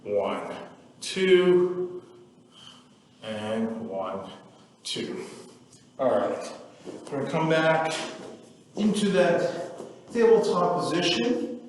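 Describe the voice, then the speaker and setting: A man guiding a movement workout, counting reps in an easy, calm way and tossing in the occasional joke. He speaks very slowly and sits well back from the mic, in a roomy, echoing space with a long reverb tail and faint background ambience. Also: on the high side, slight background noise. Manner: calm, counts reps aloud, joking asides. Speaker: fitness instructor. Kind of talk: guided workout instruction. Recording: echoey room from far off with faint ambience.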